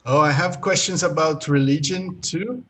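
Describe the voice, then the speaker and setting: Brazilian male host, fairly high voice, friendly and a bit hesitant on a video call. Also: moderate pace, a bit bright. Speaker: host and English teacher. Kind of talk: casual chat on a video call.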